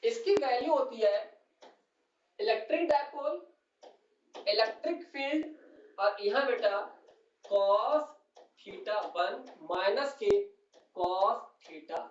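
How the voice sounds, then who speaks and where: A man's voice: very high voice, animated, takes it slowly, long pauses, slight background noise. A male physics teacher explaining on a whiteboard, who keeps calling his students "beta" and asks and answers his own questions. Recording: distant, roomy and dull classroom recording.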